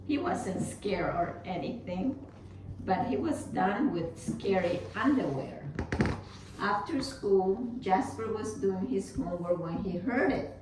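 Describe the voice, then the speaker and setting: A woman reads a children's story aloud at a slow, dramatic pace, now and then tripping on a word. Her voice sits away from the mic in a roomy space, with clear noise behind it. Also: medium pitch, expressive. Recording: roomy, distant mic, noisy background.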